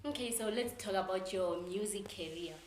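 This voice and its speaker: Young female interviewer, South African accent. Medium pitch, informal questioning, echoey room with slight noise. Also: normal speed. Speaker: show host, interviewer. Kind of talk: casual interview.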